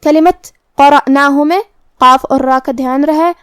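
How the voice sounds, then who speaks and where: A woman's voice: high-pitched, steady tone, no echo, clean studio sound. A woman teaching Quran recitation rules in a methodical way, explaining each letter step by step. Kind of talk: tajweed lesson, explaining rules.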